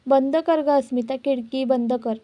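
A woman's voice: high-pitched, steady tone, normal speed, dark tone, no room sound, natural voice. A woman reading the lines of a stern, cautious middle-aged mother who speaks with restraint.

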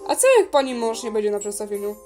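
A woman's voice: medium pitch, fast, a little mellow, faint music behind, close to an everyday voice. A woman voicing a bossy, crude adult female teacher in a toy-pet video drama, talking bluntly, swearing and stumbling over her words.

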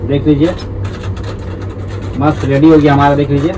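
A man's voice: on the high side, little pitch movement, normal speed. Chatty man demonstrating a hookah setup. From India. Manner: repetitive, chatty, addresses viewers as brothers. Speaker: hookah tutorial host. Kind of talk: casual how-to demonstration. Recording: distant, dull audio with background noise.

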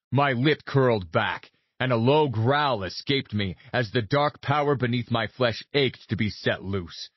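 A man's voice: mid-range voice, breathy edge, dry recording, muffled recording. A man narrating a romantic fantasy audiobook in the first person with an intense, brooding delivery.

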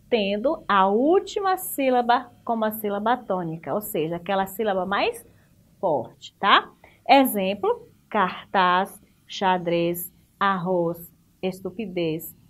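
A woman's voice: medium pitch, expressive, takes it slowly. A woman with a Brazilian Portuguese accent, teaching a remote school lesson, explaining step by step, asking the class questions and praising answers.

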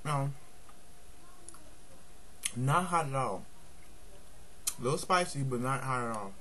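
A man talks with his mouth full, chewing as he gives his verdict in a laid-back home taste-test vlog. He speaks bluntly and plainly, at an ordinary pitch, as if sitting at his desk. The pauses and muffled words come from the food in his mouth. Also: animated, a bit bright, slight background noise. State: talking while chewing. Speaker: food reviewer.

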